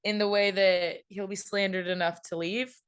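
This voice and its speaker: A woman's voice: medium pitch, little pitch movement, normal speed, smooth. A young woman co-hosting a podcast, chatting casually, giggly and rambling. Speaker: podcast co-host. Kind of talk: casual chat.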